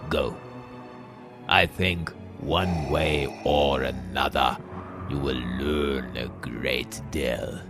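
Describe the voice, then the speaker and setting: A man playing a sinister old emperor in an audio story, gravelly, deliberate and gloating, manipulative and menacing. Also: extremely low pitch, steady tone, music in the background, full character voice. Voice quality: gravelly, creaky. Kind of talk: dramatized villain dialogue in audio story.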